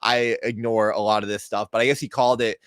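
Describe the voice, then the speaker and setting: A man co-hosting a crypto gaming show, talking through market news casually in hyped crypto-bro slang with shout-outs. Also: fairly low pitch, little pitch movement, quick pace, no echo, clean studio sound.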